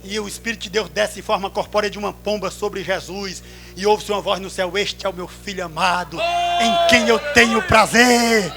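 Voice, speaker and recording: A Brazilian man preaching a sermon at a church service, swinging from hushed storytelling to drawn-out shouts. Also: high voice, fairly even intonation, over music. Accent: Brazilian Portuguese.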